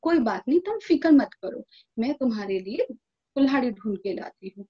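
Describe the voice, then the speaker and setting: A woman's voice: fairly high pitch, expressive, fairly quick, breathy edge, no echo, lo-fi sound. Clever kind river fairy, voiced by a woman. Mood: gentle.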